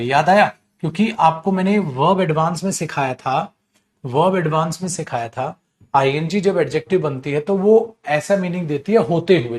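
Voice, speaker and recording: A man teaching an online class on English usage in Hindi. He explains patiently, addresses the students fondly, and repeats wrong phrases with mock emphasis to correct them. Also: on the high side.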